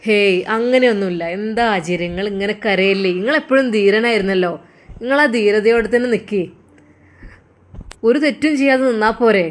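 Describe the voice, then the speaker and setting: A composed young man, voiced by a woman narrator, speaks. He is forgiving and self-assured, reassuring the listener in an even, steady tone. This is a spoken storybook scene. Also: mid-range voice, a little fast, close to an everyday voice. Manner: calm, reassuring.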